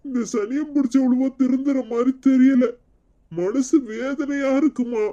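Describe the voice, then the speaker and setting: A man's voice: very high voice, steady tone, unhurried, dark tone. A man voicing a grieving older father-in-law in a cartoon serial, speaking with a Tirunelveli Tamil accent in a sorrowful, pleading way. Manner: sorrowful, pleading, heavy with guilt. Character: grieving elderly father-in-law, shamed and tearful. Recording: dull lo-fi track with faint music.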